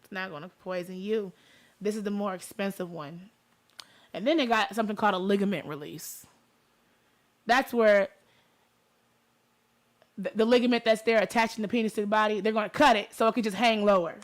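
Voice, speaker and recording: Hosting a laid-back talk show, a Detroit woman with the city's accent talks straight to her listeners. She has a medium-pitched voice, speaks a little fast, and pauses often.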